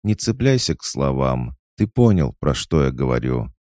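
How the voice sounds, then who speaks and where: A man's voice: very deep voice, big pitch swings, moderate pace, darkish tone, no room sound, studio quality, pitched above the performer's own voice. A man voicing a creepy, taunting boy who haunts his sister's dreams, mocking and sneering.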